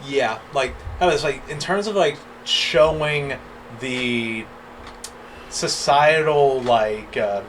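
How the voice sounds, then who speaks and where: A man's voice: medium pitch, takes it slowly, a bit bright, a little hiss or hum, low-quality recording. Rambling Southern-raised man chatting films. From American South. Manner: rambling, filler-heavy, restarts with "like". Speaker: podcast co-host. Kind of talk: casual chat about films.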